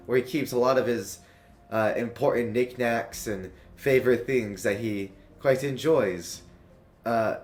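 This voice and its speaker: A man's voice: medium pitch, lightly acted. A man voicing a polite clockwork robot receptionist, greeting visitors in a chipper, formal customer-service manner during a tabletop game. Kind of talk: tabletop role-play character voice.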